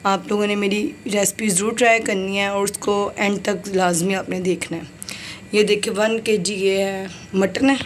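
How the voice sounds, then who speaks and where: A woman vlogger with a steady, medium-pitched voice and moderate pace talks viewers through a home-cooked recipe, one step after another. She's chatty, points things out as she works, and keeps saying "ye dekhiye" to show each step, while the sizzle and clatter of her home kitchen fill the background.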